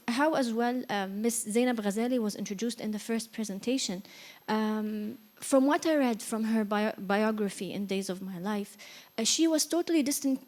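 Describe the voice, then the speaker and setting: Hesitant woman from Egypt, higher voice. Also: a little mellow. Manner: hesitant, many fillers, earnest. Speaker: audience member asking a question. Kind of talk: hesitant spoken question at a seminar.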